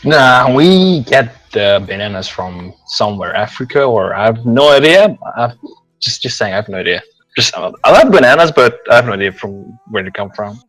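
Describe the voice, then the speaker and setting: A man's voice: mid-range voice, animated, moderate pace, a bit bright, no room sound, faint music behind, poor audio. A man from southeastern Europe co-hosting a podcast, playful, with non-native phrasing. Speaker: podcast co-host. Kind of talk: podcast banter.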